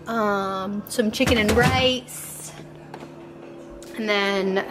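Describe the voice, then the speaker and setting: A chatty young woman talks straight into a camera she holds at arm's length, catching her audience up on her week. Her voice sits a little high, and she keeps things light with quick asides. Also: noisy background. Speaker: vlogger. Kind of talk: casual vlog chat to camera. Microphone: phone or camera held at arm's length.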